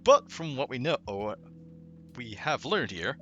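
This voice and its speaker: A man's voice: medium pitch, sing-song, slow, sharp tone, lo-fi sound, faint music behind, heavily acted. A man voicing a friendly alien visitor in a game, who speaks formally and a little stiffly, always as "we". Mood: cheerful. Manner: upbeat, formal, slightly stilted phrasing.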